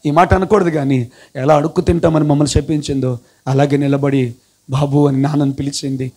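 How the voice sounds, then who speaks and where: A man's voice: on the high side, level tone, a little fast, darkish tone. A young man giving an impassioned testimony sermon, breaking in often with hallelujahs. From India. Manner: fervent, punctuated with repeated hallelujahs.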